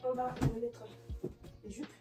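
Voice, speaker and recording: Tidying up her bedroom, a woman vlogs in a casual chat, speaking French as her second language with many fillers, restarts and bits of English. Her fairly high voice moves slowly with fairly even intonation. The audio is roomy and distant, with faint music in the background.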